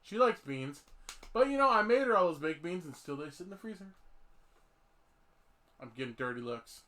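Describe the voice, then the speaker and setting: A man's voice: on the high side, animated, normal speed, sharp tone. A man hosting a podcast, rambling through a casual comedic chat and laughing often. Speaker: podcast host.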